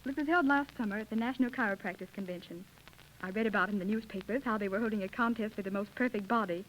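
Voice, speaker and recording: Speaking quickly at medium pitch, a young American contest winner of eighteen is interviewed on a scripted radio program from the 1930s. The audio has the dull, hissy quality of that era's broadcasts.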